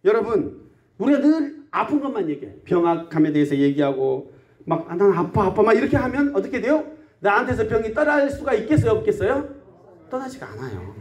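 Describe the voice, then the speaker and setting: Brisk and a little mellow, this pastor's high voice swings widely in pitch as he delivers a Sunday sermon at a country church. He asks his congregation questions, supplies the answers, and performs everyday complaints as quotations.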